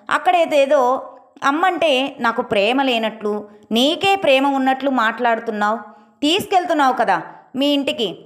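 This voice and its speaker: A woman voicing an angry younger son who defends himself quickly. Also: high-pitched.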